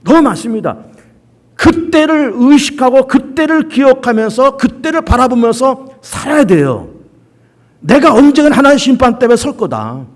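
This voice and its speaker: Male pastor in the pulpit, high and animated voice, repeats key lines for emphasis. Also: moderate pace. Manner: emphatic repetition and rhetorical questions. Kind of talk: sermon.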